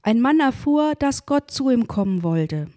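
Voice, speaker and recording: Slow, mellow woman reading a devotional story. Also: on the high side, sing-song, no room sound, clean studio sound. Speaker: devotional reader.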